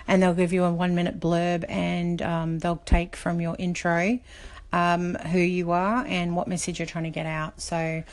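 A woman's voice: lowish voice, little pitch movement, normal speed. A middle-aged woman from Australia hosting a casual podcast, chatty and rambling with many fillers. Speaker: podcast host.

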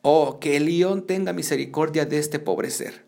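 A man voicing a small excitable male creature in a storybook reading, with fussy, fretting exclamations. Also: on the high side, a little slow, gravelly. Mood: fretful.

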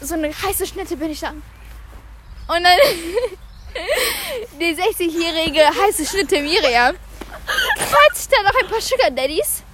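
A young woman co-hosting a casual chat podcast, teasing, giggly and loud. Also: very high voice, big pitch swings, slow pace, slight background noise. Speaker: podcast co-host.

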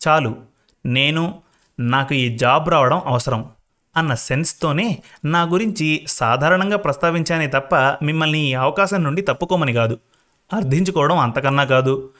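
A man's voice: mid-range voice, moderate pace, a bit bright, lightly acted. A man voicing an anxious young woman waiting for a job interview, speaking nervously and pleadingly. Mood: indignant.

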